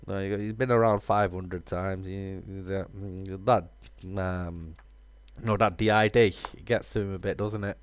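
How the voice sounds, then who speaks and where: Low, rambling streamer guy. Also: fairly even intonation, clean tone, dry recording. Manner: rambling, halting, heavy on fillers. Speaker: game streamer. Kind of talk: casual live-stream chat.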